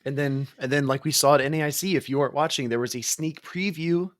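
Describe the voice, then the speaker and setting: A man's voice: fairly high pitch, fast talker, dry recording, studio quality. Easygoing male podcast co-host. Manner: easygoing, agreeable, laughs often. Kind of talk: casual chat.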